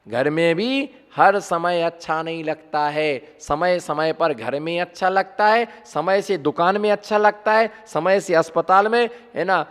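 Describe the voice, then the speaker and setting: A man's voice: high voice, unhurried, hardly any pauses, a bit bright, smooth. A man, a Jain monk, giving a conversational sermon full of rhetorical questions to his listeners. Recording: long hall reverb.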